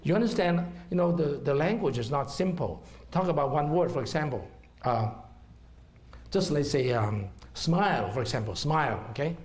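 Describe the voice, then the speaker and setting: In a seminar room, a middle-aged herbal doctor with a Hong Kong accent explains things to his audience, often checking in with "okay?" His voice sits on the high side with a darkish tone, and he speaks animatedly at a moderate pace.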